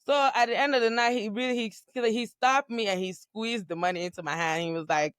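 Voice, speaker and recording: A woman from Nigeria, a guest on a podcast, chatting casually and telling lively stories while acting out what people said. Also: mid-range voice, fairly quick, clean tone, dry recording, clean studio sound. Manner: lively storyteller who acts out quoted speech. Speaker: guest, content creator and bartender. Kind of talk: casual conversation.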